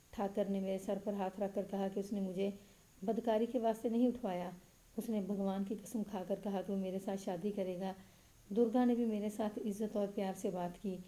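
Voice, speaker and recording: Flat-voiced woman reading a story. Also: rough recording. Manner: steady, even reading with little pitch movement. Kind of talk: scripted story narration.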